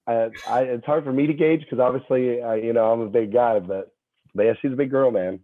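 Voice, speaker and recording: Lively young man on a tinny call. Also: medium pitch, a little fast. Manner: animated storyteller, many fillers and restarts. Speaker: guest, fitness trainer. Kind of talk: casual chat. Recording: tinny phone-like call audio.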